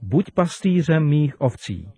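A man reading the words of Jesus in a calm, solemn way. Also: on the high side, breathy edge, dry recording, exaggerated voice. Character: Jesus, calm questioning teacher.

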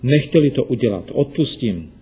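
A man voicing a patient, gentle mother in a children's radio story. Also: medium pitch, expressive, slightly rough, dull audio. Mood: soothing.

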